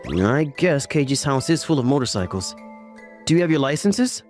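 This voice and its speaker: With a sing-song lilt and a somewhat dark tone, this natural, medium-pitched voice keeps a normal speed. It belongs to a performer portraying a teasing but caring young uncle from a romcom manga, mildly weaving dialogue into anime-style recap narration while music plays beneath.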